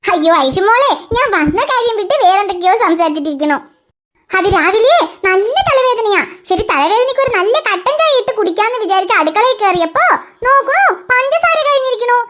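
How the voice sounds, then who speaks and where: A talkative cartoon mother who rambles on and on in a very high voice, acted out by a woman. The tone is bright and sharp. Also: lively intonation, brisk. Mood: chatty. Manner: rambling, gossipy chatter. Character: chatty neighbor mother, talkative and fussy. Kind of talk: cartoon voice acting.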